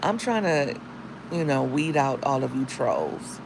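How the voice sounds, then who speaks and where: Her voice is deep and husky, like she just woke up, and she sounds animated while keeping a measured pace. A single mom and content creator, she chats casually to livestream viewers with slangy asides. The background is noisy, and she's using a phone mic.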